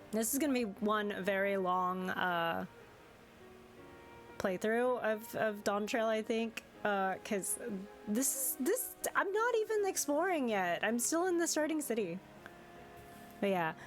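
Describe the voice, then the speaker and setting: A woman VTuber chats casually on a game livestream with cute, bubbly anime-streamer energy. Her voice sits at a middle pitch, with game music playing behind her. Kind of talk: casual livestream chat over a video game.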